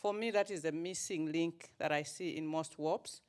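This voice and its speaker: A woman's voice: sits low, normal speed, darkish tone, clean tone. A woman from Zambia, asking a conference panel direct, orderly questions. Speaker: audience member asking questions, water regulator staff.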